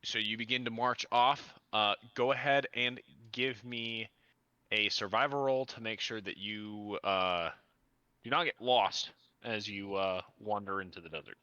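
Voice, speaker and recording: A man runs a tabletop game, narrating in a relaxed way with plenty of hesitations. His voice is low yet bright and forceful. The audio is dry and dull, like lo-fi stream sound. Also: a little slow, dry recording. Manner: relaxed narration with frequent 'um' and 'uh'. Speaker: game master.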